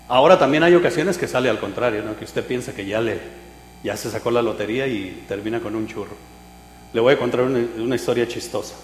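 A man preaching a sermon, telling a humorous personal story with loud exclamations and quiet asides. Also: medium pitch. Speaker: pastor. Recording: echoey hall with mains hum.

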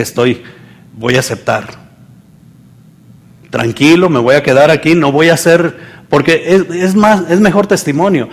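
A man preaching a sermon, swinging between loud emphasis and soft asides and acting out the people he quotes. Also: fairly high pitch.

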